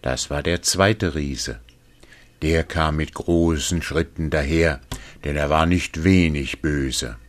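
A man reading a fairy tale aloud in a deliberate, expressive storytelling manner. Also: very deep voice.

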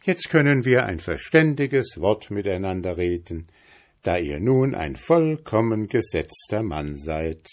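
A man's voice: on the low side, sing-song, a little slow. A man voicing a clever young male journeyman in a read-aloud fairy tale, speaking in a politely mocking, sly way.

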